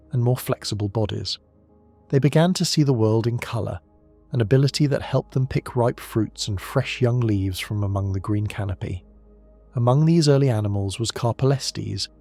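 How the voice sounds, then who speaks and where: A man delivering scripted nature documentary narration in a measured, descriptive storytelling manner. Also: mid-range voice, darkish tone, no echo.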